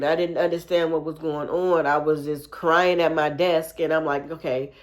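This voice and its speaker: A young woman tells a personal story to her listeners. Her voice sits a little low, and her delivery is loose and chatty, full of fillers, with frequent asides to "y'all". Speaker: podcast host. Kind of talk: casual storytelling to camera.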